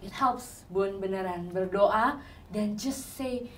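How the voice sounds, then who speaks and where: A woman's voice: medium pitch, slow, far from the mic. Woman, interview host, casual chat, English mixed in, short murmured affirmations, off-mic, faint noise. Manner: frequent short "hmm" affirmations, mixes English into Indonesian.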